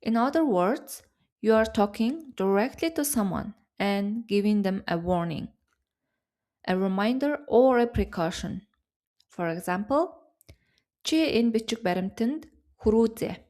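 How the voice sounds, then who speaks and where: A woman's voice: medium pitch, lively intonation, a little slow, dark tone. A woman teaching a grammar lesson in a careful, scripted way, reading out example words and their meanings. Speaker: language teacher.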